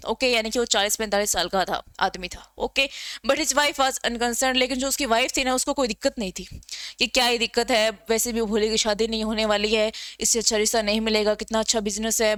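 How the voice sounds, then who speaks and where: A woman teacher explaining an English story, reading English lines slowly and explaining them in Hindi. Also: a little high, fairly bright tone, dry recording.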